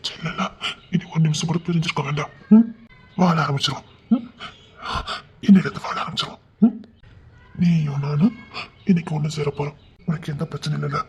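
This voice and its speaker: Husky-voiced man telling an emotional story. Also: a little high, fairly quick, long pauses. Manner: emotional, tearful delivery of his characters. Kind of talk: dramatic audio story narration. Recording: dull lo-fi recording.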